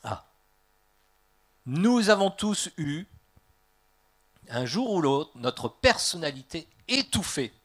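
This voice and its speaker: A French man, a pastor, preaching a sermon in a lively way, joking, laughing at his own asides and acting out the people he quotes with sudden loud bursts. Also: on the high side, slow pace, long pauses. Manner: animated, acts out quoted voices with big jumps in loudness.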